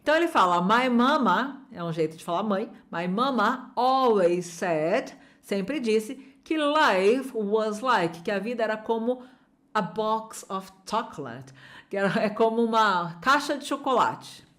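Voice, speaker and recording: A woman's voice: mid-range voice, animated, a little slow, a bit bright. A woman with a Brazilian Portuguese accent teaching an online English lesson, drilling phrases and coaxing viewers to repeat aloud.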